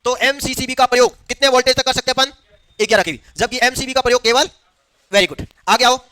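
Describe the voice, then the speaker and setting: This male lecturer talks quickly in a very high register, throwing questions at students only to answer them on his own. The sound is dry and echo-free, and his bright voice stays steady and smooth.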